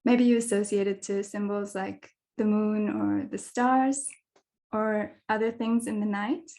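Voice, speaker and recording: A young adult woman from Kenya giving a presentation talk as a dark sky advocate. Her voice sits at a middle pitch, and she speaks in a thoughtful way with soft fillers and small restarts. She is recorded through a video call microphone. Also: steady tone, measured pace.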